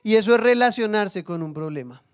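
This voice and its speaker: A man's voice: high voice, lively intonation, brisk, smooth. A man preaching a sermon as pastor, humorous and acting out everyday scenes in little quoted voices.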